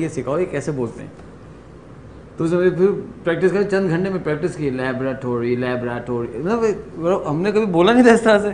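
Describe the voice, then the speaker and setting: A middle-aged man from Pakistan leading a workshop, telling stories in an animated way and slipping into English phrases. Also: high voice, a little hiss or hum. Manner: animated storyteller, acts out quoted exchanges, mixes in English. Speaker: workshop trainer. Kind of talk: lively lecture to a class. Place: training room with a group.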